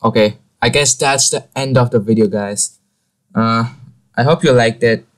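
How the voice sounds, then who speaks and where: A young man commentating his mobile game play, excitable and jokey, with many exclamations. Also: mid-range voice, a little slow. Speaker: gaming channel host.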